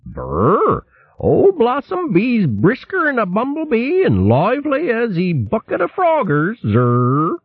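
A man voicing a lively young female hare who chatters in a rustic mole dialect. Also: slow, breathy edge, full character voice. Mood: chirpy. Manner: high, bright mimicry of rustic mole dialect. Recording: thin phone-like dry sound.

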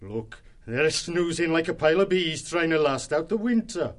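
A man's voice: on the high side, lively intonation, moderate pace, pitched above the performer's own voice, natural voice. Man playing a sneering vermin guard. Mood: taunting. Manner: taunting, bullying drawl.

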